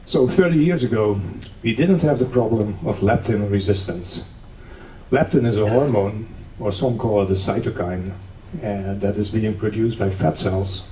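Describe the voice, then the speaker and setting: A Dutch man gives an academic conference lecture, explaining steadily with a touch of dry humor. His voice is fairly low and dark, at normal speed, recorded in an echoey hall from a distant mic with faint noise.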